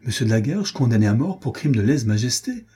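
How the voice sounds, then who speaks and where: A man's voice: medium pitch, big pitch swings, fast, mellow, husky. A man voicing an older nobleman in a storybook, firm and earnest. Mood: shocked. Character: older nobleman, shocked and resolute.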